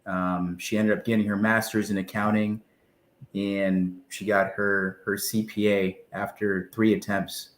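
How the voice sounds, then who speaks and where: A man in his twenties, originally from Zimbabwe, answering interview questions in a relaxed, friendly way with frequent fillers. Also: lowish voice, measured pace, echoey room. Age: 20s. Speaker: guest, financial planner.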